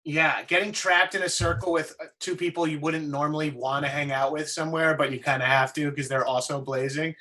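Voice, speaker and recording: Bright-voiced, giggly stoned man. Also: fairly high pitch, a little fast, hardly any pauses. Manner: scattered, laughing, excitable rambling. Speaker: improv comedian. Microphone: remote video call mic.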